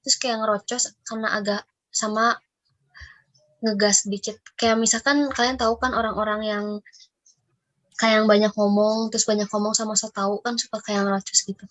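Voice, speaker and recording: A woman's voice: mid-range voice, little pitch movement, moderate pace, fairly bright tone. A woman with an Indonesian accent hosting a casual podcast, talking in a chatty, rambling way with lots of fillers. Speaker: podcast host. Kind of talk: casual reaction chat.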